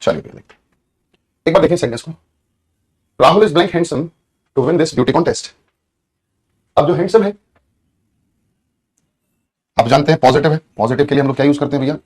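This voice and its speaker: A man's voice: a little high, moderate pace, long pauses, a little mellow, husky. A man teaching an English grammar lesson, repeating points and asking students questions. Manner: repetitive, asks students questions, stretches words when dictating. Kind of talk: exam-prep grammar lesson.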